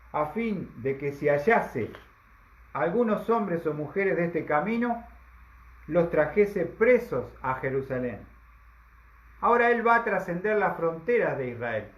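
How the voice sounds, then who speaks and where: A man preaching a sermon, emphatic, slowing down for drama and asking rhetorical questions. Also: high voice. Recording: echoey, dull lo-fi sound.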